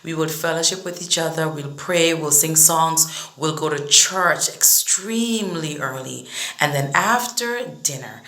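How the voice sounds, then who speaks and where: Speaker from Saint Martin, gravelly, bright, echoey room, earnest. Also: medium pitch, a little slow. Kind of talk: reflective memory.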